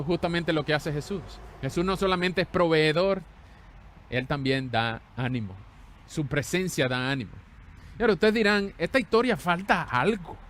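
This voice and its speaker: Here a man with a high-pitched voice preaches as a pastor, animated and chatty in tone. He alternates between booming exclamations and quiet, gentle lines, questioning his congregation along the way.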